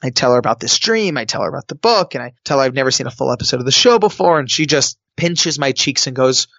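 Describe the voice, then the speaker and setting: Animated male storyteller, comic timing. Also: medium pitch, quick pace, no room sound, dull audio. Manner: lively, comic, jumps into quoted voices. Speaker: guest telling a personal story.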